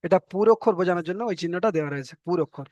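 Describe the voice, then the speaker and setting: High-voiced patient male teacher. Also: a little mellow, dry recording, highs cut off. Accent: Bengali. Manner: patient, repeats letter names and drawn-out sounds. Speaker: Quran reading teacher. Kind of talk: explanatory online lesson.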